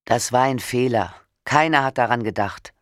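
A man voicing a domineering husband who speaks calmly and firmly with growing menace, in an audiobook reading. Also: mid-range voice, normal speed, no room sound, studio quality, natural voice. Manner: calm, firm, growing menace. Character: cold domineering husband, calm then gloating.

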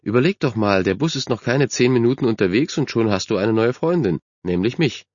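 A man's voice: medium pitch, expressive, fairly quick, darkish tone, dry recording, lo-fi sound, natural voice. A man voicing a confident, friendly girl who is a team captain and stands up for others. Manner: self-assured, friendly.

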